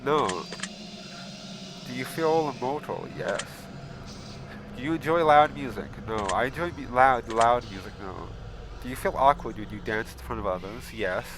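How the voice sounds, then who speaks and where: A man hosting a casual gaming video, reading questions aloud and answering them bluntly, with frequent swearing and loud exasperated outbursts. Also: mid-range voice, normal speed, noisy background. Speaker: gaming channel host. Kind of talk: casual game commentary.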